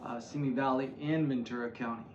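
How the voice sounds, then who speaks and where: A man in his forties from the United States chatting casually with his wife, relaxed and thoughtful, with filler pauses. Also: mid-range voice, roomy sound, lo-fi sound, slight background noise. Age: 40s. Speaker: co-host. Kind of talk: casual chat.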